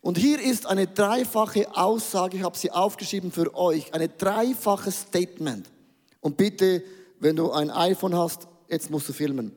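A man's voice: high-pitched, a little slow, a little mellow. A man preaching a rousing, emphatic sermon, dropping English catchphrases and calling on the audience to answer him. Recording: long reverb of a large hall.

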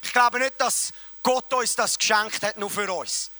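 A man's voice: high voice, unhurried, pushed and bright, no echo, heavily acted. A man voicing a desperate, starving male leper who rallies his friends, speaking bluntly.

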